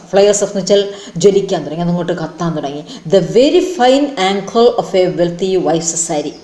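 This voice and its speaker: A woman's voice: medium pitch, dark tone. Echoey woman teacher. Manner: reads an English line slowly, then explains it. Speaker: English teacher. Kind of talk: bilingual lesson explaining a text line by line. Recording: roomy echo.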